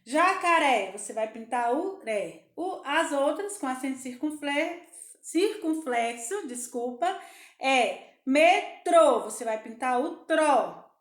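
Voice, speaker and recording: A young Brazilian woman teaching small children with a high, sing-song voice. She coaxes them along, asks questions and answers them herself. The sound is roomy and echoey, like a bare classroom. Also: expressive, slow pace. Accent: Brazilian Portuguese. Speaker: primary school teacher.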